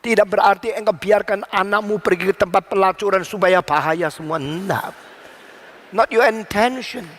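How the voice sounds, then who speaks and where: A man preaching a sermon as pastor, animated, mixing in English phrases and bursting into sudden loud exclamations. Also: high-pitched, moderate pace.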